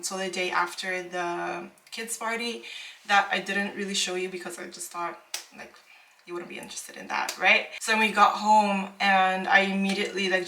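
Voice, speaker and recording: A woman's voice: medium pitch, bright, forceful tone, slight background noise. Young woman vlogger at home on a handheld camera; chatty and rambling, with room echo. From Netherlands. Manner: chatty, rambling, self-correcting. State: out of breath at times. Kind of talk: casual vlog talk to camera. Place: home indoors.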